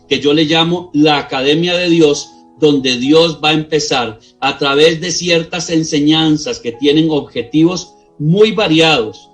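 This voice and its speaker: A middle-aged man with a Costa Rican accent preaching a sermon as pastor, earnest and addressing his listeners directly. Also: on the high side. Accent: Costa Rican Spanish. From Costa Rica. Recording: faint music behind the voice.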